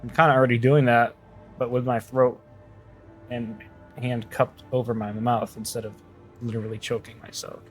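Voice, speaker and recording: Flat-voiced man reading a game aloud. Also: mid-range voice, moderate pace, faint music behind. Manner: offhand, self-mocking asides. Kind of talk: casual reading of game dialogue with asides.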